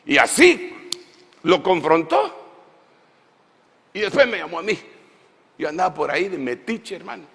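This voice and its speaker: A man preaches an animated sermon with a gravelly, fry-edged voice. His pitch swoops widely between shouted peaks and low, folksy asides to his brothers. A long reverb from the church hall trails his words. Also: unhurried, pauses often. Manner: folksy, addresses listeners as brother. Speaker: apostle preaching at a church conference.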